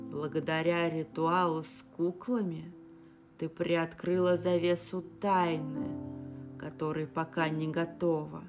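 A woman voicing an ancient female spirit who speaks through a dying warrior, slow, grave and prophetic. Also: sits low. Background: instrumental music.

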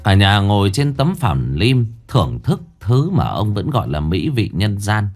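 A man narrating a horror story in a dramatic, lively storytelling manner. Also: on the low side, unhurried.

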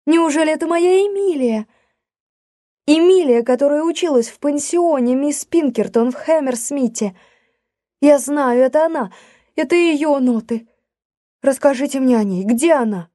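A woman voicing an excitable young heiress in an audiobook, talking in a high, gushing way. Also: a little slow, dry recording, clean studio sound, lightly acted. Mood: excited.

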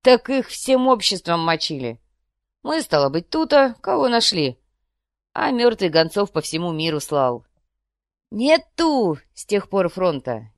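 A woman's voice: lowish voice, very animated, measured pace, dry recording, studio quality. A woman reading the part of a crude, boastful male gangster boss, with coarse slang. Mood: smug.

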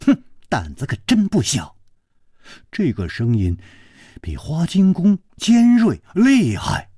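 Male storyteller, dramatic traditional storytelling, very animated pitch, slow, dry close sound. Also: slightly rough, no echo. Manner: dramatic, expressive narration with wide swings.

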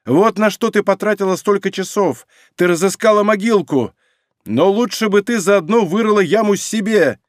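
A man's voice: high voice, big pitch swings, unhurried, no echo, clean studio sound. A man voicing a furious, fierce farm wife. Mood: accusing. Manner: shouting, threatening.

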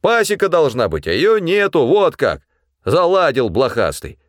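A man voicing a stubborn, rough-spoken male guide who barks orders over a storm. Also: on the high side, wildly swooping pitch, normal speed, no echo, clean studio sound, pitched above the performer's own voice. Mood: angry commanding. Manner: coarse, bossy, shouting over wind.

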